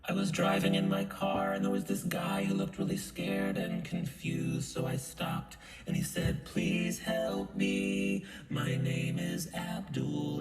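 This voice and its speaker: A man's voice runs through a heavy pitch-correction effect, sung in swooping lines that leap all over his range. His voice is gravelly and sits in a roomy echo. Loud guitar plays behind him throughout. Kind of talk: auto-tuned sung story over guitar. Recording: echoey auto-tuned clip over loud guitar.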